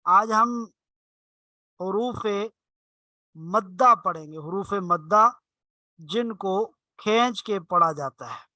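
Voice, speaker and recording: Man, Arabic teacher, slow, bright tone, patient step-by-step explaining, dry sound. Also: sits high, dry recording. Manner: drawn-out slow example words. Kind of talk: online class lesson.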